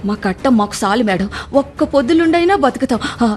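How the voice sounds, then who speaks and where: An actress in a radio play playing a humble, honest maidservant who speaks. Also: female voice, fairly high pitch, lively intonation, fairly quick, darkish tone, close to an everyday voice. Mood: earnest. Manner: earnest, pleading, rustic dialect. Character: humble village maidservant woman, earnest, honest. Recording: faint music behind.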